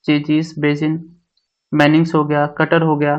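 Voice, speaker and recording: A man's voice: a little high, completely flat delivery, moderate pace, lo-fi sound. A male exam coaching teacher walks through a syllabus, repeating each point and mixing English technical terms into his talk. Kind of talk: syllabus walkthrough lecture.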